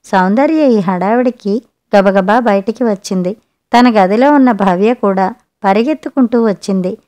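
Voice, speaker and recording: A woman narrating a short story for an audiobook with a steady, expressive reading. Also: mid-range voice, normal speed.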